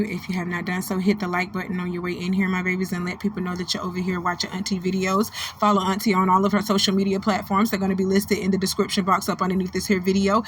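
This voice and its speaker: A woman's voice: medium pitch, slight background noise. A woman with an American accent hosting a gossip channel, talking casually to followers in a sassy, blunt, slangy way and repeating phrases for emphasis. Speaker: host of a gossip video channel.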